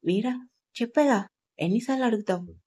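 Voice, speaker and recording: A woman's voice: a little high, fairly quick, dark tone, slightly rough. A woman voicing a stern, blunt young gangster husband in a storybook, curt and matter-of-fact.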